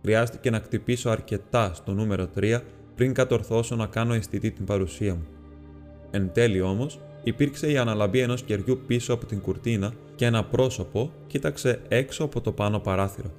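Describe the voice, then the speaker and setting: A man narrating an audiobook in a steady, measured storytelling manner. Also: lowish voice, big-room sound, faint music behind. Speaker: audiobook reader.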